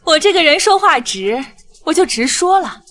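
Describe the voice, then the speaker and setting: A middle-aged actress playing a sly, insinuating aunt by marriage. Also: female voice, high-pitched, sing-song, moderate pace, a bit bright.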